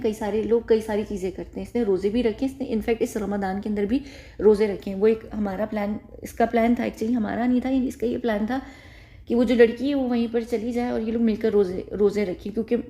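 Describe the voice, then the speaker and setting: A woman gives loose, off-the-cuff commentary with a mellow, somewhat high voice. She circles back on her points and often restarts her sentences mid-thought. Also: steady tone, fairly quick. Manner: rambling, repeats phrases, frequent self-corrections. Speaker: YouTube commentator. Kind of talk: casual spoken commentary to camera.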